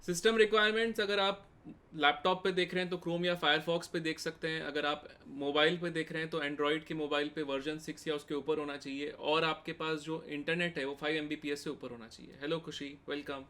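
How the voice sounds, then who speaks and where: Forceful, chatty Indian male teacher. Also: on the high side, steady tone, brisk. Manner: chatty and informal, greeting chat viewers while teaching; loud, forceful delivery. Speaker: chemistry teacher. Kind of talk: live online exam-prep lecture.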